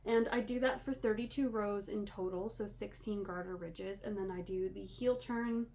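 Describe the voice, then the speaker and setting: A woman's voice: mid-range voice, fairly even intonation, moderate pace, darkish tone. A woman chatting casually as a podcast host, slightly wheezy and short of breath, with rambling, self-deprecating asides. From Canada. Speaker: podcast host and yarn dyer. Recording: clear background room noise.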